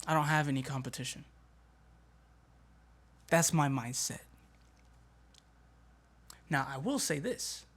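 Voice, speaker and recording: A man hosting a motivational podcast, talking in an energetic, emphatic way with casual slang. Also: fairly high pitch, slow, pauses often. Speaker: podcast host. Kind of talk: motivational talk.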